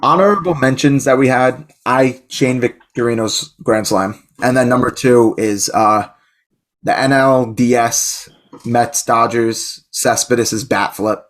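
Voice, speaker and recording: This is a man chatting casually as a podcast co-host, excitable and rambling, often restarting his sentences. His pitch sits in an ordinary middle range for a man. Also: takes it slowly. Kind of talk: casual chat.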